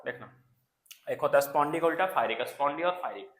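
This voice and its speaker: A man's voice: a little high, expressive, fast talker, a bit bright, reverberant. A man giving an exam coaching lecture, repeating key terms and checking in with students often. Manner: repetitive, checks in with "है ना" and "clear". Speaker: exam prep teacher.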